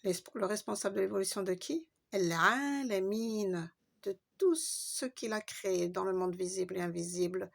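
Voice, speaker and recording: A woman's voice: mid-range voice, fairly quick, gravelly, hardly any pauses, darkish tone. A woman giving a patient, step-by-step Arabic reading lesson, spelling out letters and stretching long vowels. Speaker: Arabic teacher.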